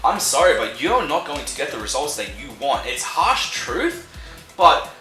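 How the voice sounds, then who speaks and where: A man's voice: fairly high pitch, sing-song, normal speed, bright, forceful tone. A young man with an Australian accent giving casual fitness advice, laid-back and full of slang and fillers. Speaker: fitness vlogger. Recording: echoey room with faint music.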